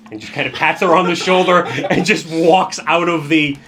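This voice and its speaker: A man's voice: fairly high pitch, steady tone, moderate pace, background noise. Man casually narrating a tabletop game. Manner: casual, conversational storytelling. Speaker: game master.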